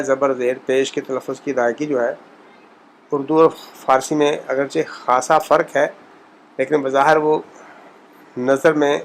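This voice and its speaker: A man giving a pronunciation lesson, speaking slowly and repeating example words to model the sounds. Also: mid-range voice, rough recording. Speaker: language teacher.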